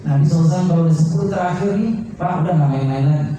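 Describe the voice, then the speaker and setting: Echoey, dark-voiced preacher. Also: male voice, on the high side, rapid-fire, a little hiss or hum. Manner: storytelling with quoted dialogue and Arabic recitation; addresses listeners directly, asking them questions. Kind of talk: sermon. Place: mosque. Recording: echoey room, heard from a distance.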